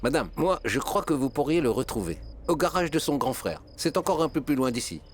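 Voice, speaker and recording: A man's voice: fairly high pitch, very animated, brisk. An actor dubbing a chatty, bewildered male bystander in a French series. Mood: helpful. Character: talkative male bystander in a crowd. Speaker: dubbed character.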